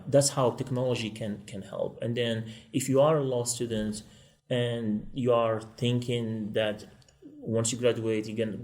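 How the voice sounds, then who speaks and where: A man's voice: mid-range voice, a little mellow. A middle-aged man from Morocco, a law school technology teacher, explaining earnestly at length on a podcast panel with frequent fillers.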